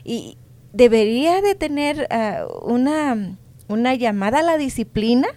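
Earnest higher-voiced woman co-host. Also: animated, measured pace, dark tone. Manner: earnest, reasoning aloud.

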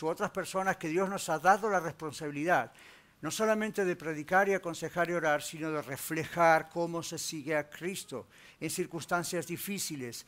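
A man with a fairly high voice preaches a sermon as pastor. He builds his points through rhetorical questions, then settles into a quieter tone to pray. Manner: rising emphatic preaching, rhetorical questions, dropping low and soft in prayer. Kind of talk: sermon with closing prayer.

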